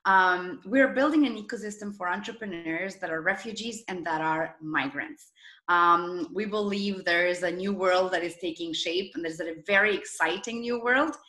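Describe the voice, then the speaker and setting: Bright, enthusiastic woman from Argentina. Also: lowish voice, moderate pace, reverberant. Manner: enthusiastic, animated storytelling. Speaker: guest, startup founder. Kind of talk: video interview.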